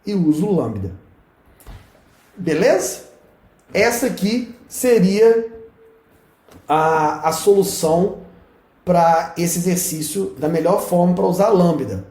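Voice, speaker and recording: A man's voice: sits high, animated, slow pace, pauses often, mellow. A man with a Brazilian accent giving a university lecture at a whiteboard, joking and pointing as he explains. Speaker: university professor. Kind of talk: recorded classroom lecture at a whiteboard. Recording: echoey room sound.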